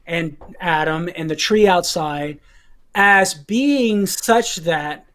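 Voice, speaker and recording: A man lays out philosophy step by step, restating phrases and pausing to check that his listeners follow. His voice is clear, with an occasional cough. He sounds like a guest teacher talking with the hosts. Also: high-pitched, fairly bright tone. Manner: deliberate, repeats phrases, checks in with okay.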